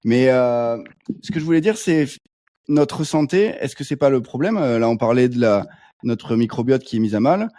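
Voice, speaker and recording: Male co-host with a mellow voice and dry sound; hesitant and halting. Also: medium pitch, lively intonation, dry recording. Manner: hesitant, full of pauses and fillers. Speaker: co-host asking questions. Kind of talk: casual questioning.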